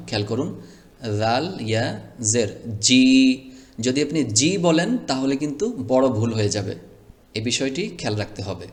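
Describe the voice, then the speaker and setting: A man teaching Quran reading, spelling out letters slowly and deliberately, with short melodic recitations. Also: mid-range voice. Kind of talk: step-by-step spelling lesson.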